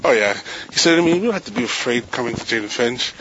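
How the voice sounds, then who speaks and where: A man from Canada giving casual, reflective walking commentary outdoors as host, with relaxed, slangy talk. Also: medium pitch, fast talker, slight background noise. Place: outdoors on city streets at night. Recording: dull, muffled street recording.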